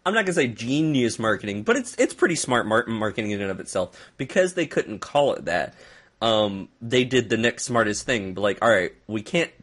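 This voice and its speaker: A man's voice: lowish voice, sing-song, fairly quick, fairly bright tone. Rambling, chuckling man co-host. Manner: rambling, hedging, laughs a lot. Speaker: podcast co-host. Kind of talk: casual movie news chat.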